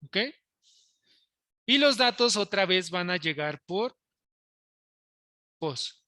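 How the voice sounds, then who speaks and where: Bright-voiced teacher coding live. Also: male voice, high voice, lively intonation, slow, no room sound, clean studio sound. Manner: explains step by step, checks in with students often. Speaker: programming teacher. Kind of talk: live coding lesson to students.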